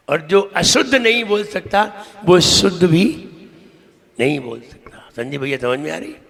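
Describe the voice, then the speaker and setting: A man's voice: high-pitched, vocal fry, sharp tone. A man, a Jain monk, giving a sermon-style pronunciation lesson in a temple hall, teasing listeners and repeating words to drill them. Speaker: Jain monk teaching recitation. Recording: long hall reverb.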